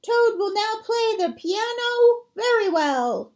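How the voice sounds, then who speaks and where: A woman's voice: extremely high pitch, very animated, takes it slowly, darkish tone, muffled recording, pitched above the performer's own voice, exaggerated voice. A woman voicing a mysterious, showy stage announcer from a dream in a storybook read-aloud. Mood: grand.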